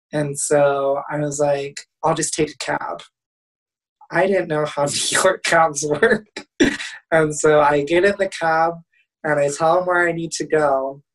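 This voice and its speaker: A man's voice: on the high side, distant mic, low-quality recording. A young man in his twenties, a motivational speaker guest, telling a funny story in a casual, laughing way.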